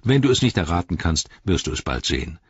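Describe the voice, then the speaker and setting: A man reading a gruff, blunt hobbit. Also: low voice, big pitch swings, quick pace, dry recording, lo-fi sound, heavily acted. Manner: blunt and grumbling. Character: stout-hearted gruff male hobbit servant. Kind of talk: audiobook character voice.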